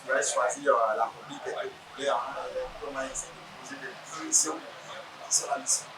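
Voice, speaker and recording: A man's voice: medium pitch, fairly even intonation, quick pace. A man hosting a casual web TV interview, hesitant and full of fillers. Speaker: host. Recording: echoey room, mic far off, loud noise.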